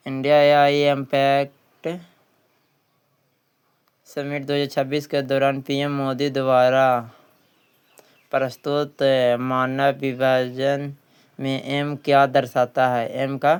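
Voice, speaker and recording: A man with a Bihari accent leads an exam quiz lesson in a monotone, mid-range voice with a clean tone. He speaks slowly, pausing often, reading each question aloud, frequently repeating it, and then giving the answer.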